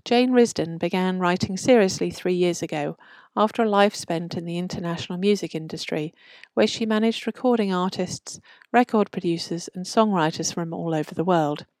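Low-voiced woman reading stories aloud. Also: moderate pace, hardly any pauses, a little mellow, dry recording. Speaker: podcast host reading short stories. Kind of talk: read-aloud short fiction and author bios.

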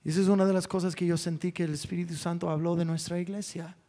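Brief: male pastor, high voice, candid self-deprecating sermon storyteller. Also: level tone, fast talker, warm tone. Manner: candid, self-mocking storytelling with quoted prayers.

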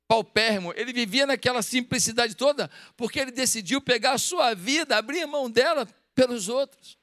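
A Brazilian preacher with a very high voice delivers a sermon, pressing his point with one rhetorical question after another. His delivery is emphatic, and the recording is dry and close, with no room echo. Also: fairly bright tone. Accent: Brazilian Portuguese. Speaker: pastor.

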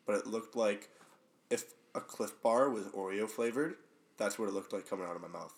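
A young man with a fairly low voice that sounds nasal and congested, as if his nose is running. He talks as a podcast guest in loose, blunt, sweary banter with friends. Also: moderate pace. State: stuffed-up runny nose from a cold. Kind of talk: casual chat.

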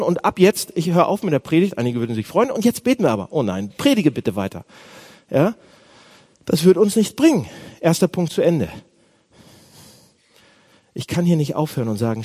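A man preaching a sermon as a pastor, animated, swinging between loud outbursts and hushed asides. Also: on the high side, brisk.

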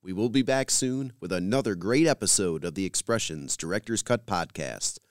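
A man hosts a scripted podcast, narrating in a measured announcer style. His slightly low voice rises and falls with lively intonation, and the recording is dry and close without room echo.

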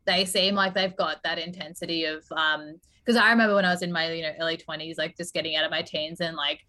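Low-pitched rambling Australian woman. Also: fairly even intonation, fast, sharp tone. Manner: chatty, rambling with many fillers. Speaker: podcast co-host. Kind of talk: casual podcast chat.

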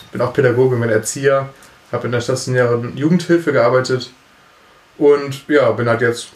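A man in his thirties, a youth pastor, co-hosting a casual podcast chat, talking loosely with frequent laughs and restarts. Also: mid-range voice. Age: 30s. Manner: chatty, laughs often, many restarts. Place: room set up for recording, indoors. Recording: echoey room.

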